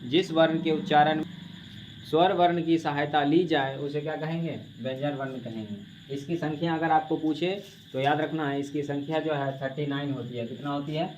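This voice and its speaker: A man's voice: a little high, steady tone, moderate pace, darkish tone. A male teacher giving a classroom grammar lesson, asking questions and answering them himself to drill the students, and addressing them as "babu". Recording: dull lo-fi classroom recording with faint hiss.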